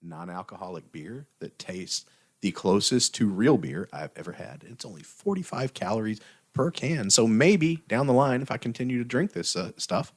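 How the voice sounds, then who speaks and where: A man's voice: mid-range voice, very animated, normal speed. An American man co-hosting a podcast, chatting casually and cracking jokes. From United States. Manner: joking, wisecracking. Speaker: podcast co-host. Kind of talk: casual chat.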